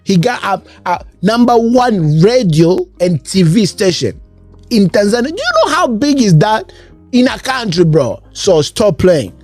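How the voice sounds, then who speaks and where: A man's voice: sits high, sing-song, a little slow, a little mellow, dry recording, soft background music. A man hosting a podcast, reacting to an interview in an emphatic, repetitive, casual way. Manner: emphatic, repetitive, keeps saying bro. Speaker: podcast host.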